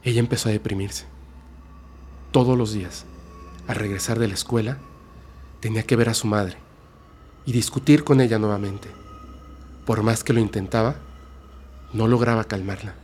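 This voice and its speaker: Brief: male horror storyteller, low voice, hushed dramatic delivery, soft music underneath. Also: steady tone, moderate pace, pauses often. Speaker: storyteller host. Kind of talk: scripted horror narration.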